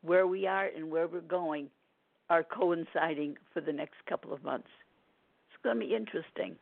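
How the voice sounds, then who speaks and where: A woman speaks with a gravelly, smoker-like rasp, her voice hoarse and strained. She talks in a plain, folksy, reassuring way, like a numerologist chatting on the radio. The sound is narrow and thin, as if down a telephone line. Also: low voice, moderate pace. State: strained, hoarse from throat trouble. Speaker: numerologist guest on a radio show. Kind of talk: casual radio forecast chat.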